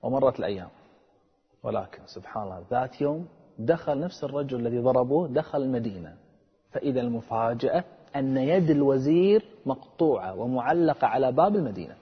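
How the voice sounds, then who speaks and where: A man preaching a sermon with earnest, dramatic storytelling and a husky voice. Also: mid-range voice, lively intonation, quick pace. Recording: echoey and dull, long reverb.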